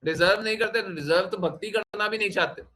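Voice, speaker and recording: A man's voice: high-pitched, fast talker, pushed and bright. A man giving a devotional talk to his followers, scolding and questioning them, slipping English phrases into his speech. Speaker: spiritual teacher.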